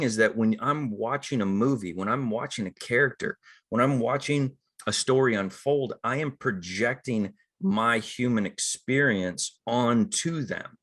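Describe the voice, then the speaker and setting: A man's voice: medium pitch, a bit bright. A middle-aged man, an acting coach, talking casually about screen acting and acting out the thoughts he quotes. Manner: conversational, acts out quoted inner thoughts. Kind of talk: casual teaching talk on acting.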